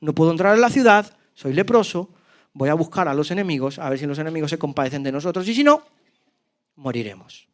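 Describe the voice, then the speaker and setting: A male pastor tells a scripture story in church. His voice sits high and swings from loud, lively exclamations to sudden hushes. The delivery is dramatic and animated throughout. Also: quick pace. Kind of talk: sermon storytelling.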